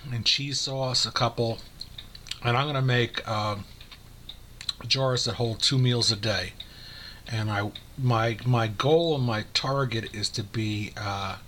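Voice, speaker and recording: A man talking casually to his camera while eating, frank and rambling, with many pauses and fillers. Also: mid-range voice, pushed and bright, a little hiss or hum. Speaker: vlogger. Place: home room.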